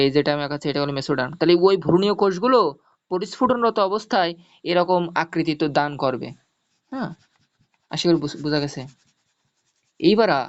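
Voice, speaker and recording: Male teacher, lo-fi lesson audio. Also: on the high side. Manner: explains step by step, checks understanding, repeats mnemonics. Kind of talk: online zoology lesson. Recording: dull lo-fi audio.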